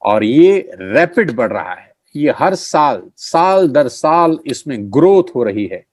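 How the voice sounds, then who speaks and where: A middle-aged man gives a motivational sales pitch as a network marketing trainer. He stresses and repeats key phrases. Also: very animated, slow pace, no room sound, clean studio sound.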